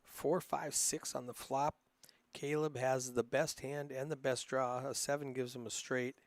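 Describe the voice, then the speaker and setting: Man with a northern Minnesota accent, loose chatty poker play-by-play, mid-pitched voice, dry close sound. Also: level tone, a little slow, no echo. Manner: casual, chatty, rambling with frequent fillers. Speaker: poker commentator. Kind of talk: live poker play-by-play commentary.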